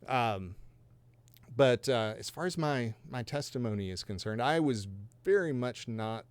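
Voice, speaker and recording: A man's voice: medium pitch, animated, a little slow, clean tone, dry recording. A man in his fifties from Georgia and Texas, sharing his faith testimony as a podcast guest in an earnest, reflective way with light self-deprecating humor. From Georgia and Texas, USA. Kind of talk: personal testimony in a podcast conversation.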